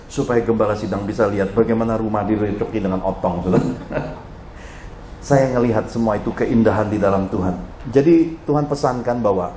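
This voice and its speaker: A man's voice: on the high side, a little hiss or hum. A middle-aged man, preaching a sermon and telling stories to his congregation, often speaking to them directly. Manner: animated storytelling, addressing the congregation directly. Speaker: pastor. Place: church hall. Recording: roomy church hall echo.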